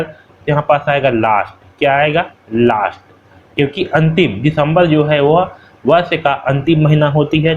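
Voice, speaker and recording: A male teacher works through an exam paper in a slightly high voice, reading every option and then repeating the answer. His pace is patient and deliberate. The recording sounds dull and lo-fi, with faint hiss underneath. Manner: explains each option slowly, repeats and translates words. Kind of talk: exam paper walkthrough lesson.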